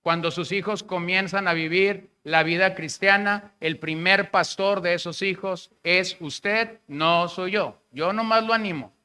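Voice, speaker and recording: A man's voice: sits high, fairly even intonation, unhurried, few pauses, bright, forceful tone, clear, resonant tone. A man with a Mexican Spanish accent preaching a sermon as pastor, in a conversational way, acting out the words of the people he quotes.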